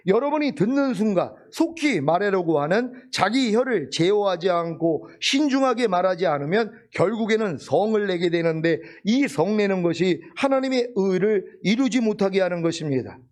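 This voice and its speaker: A man preaching with a high, bright pitch that leaps up and down with animation. He drives his points home emphatically, asking his congregation question after question. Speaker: pastor. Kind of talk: sermon.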